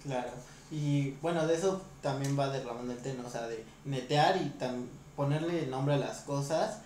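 A man co-hosting a podcast, chatting in a relaxed, slangy way. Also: medium pitch, moderate pace, echoey room, slight background noise. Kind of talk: casual chat.

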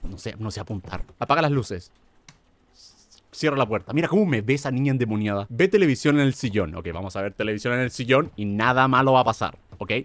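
Excitable man commenting a horror game. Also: medium pitch, quick pace, no room sound. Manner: excitable, jokey, talks to the game. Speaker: gamer host.

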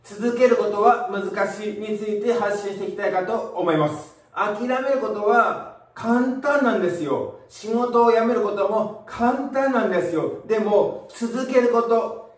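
A man with a very high, light voice gives an energetic motivational talk and hammers his points home by repeating them. He sounds far from the mic, in a strongly echoing room. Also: a little slow. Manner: energetic, emphatic, repeats phrases. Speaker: motivational video host. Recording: echoey room, distant from the mic.

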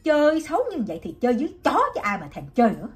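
A woman's voice: high voice, very animated, very fast, soft background music. A woman voicing an angry, quarrelsome male laborer who blusters and threatens in a storybook reading.

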